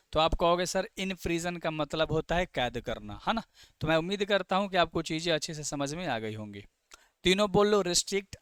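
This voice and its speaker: Male vocab tutor, slightly high, smooth and clear, coaching-class drill style. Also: a bit bright, dry recording, clean studio sound. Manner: keeps asking the class questions and answers them himself; plays the student's reply as "sir, ...". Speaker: teacher. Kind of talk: vocabulary lesson for exam students.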